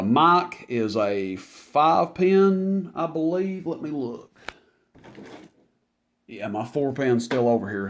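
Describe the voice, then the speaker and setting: A medium-pitched man gives a casual product demonstration as a seller, talking informally and rambling through each step as he goes.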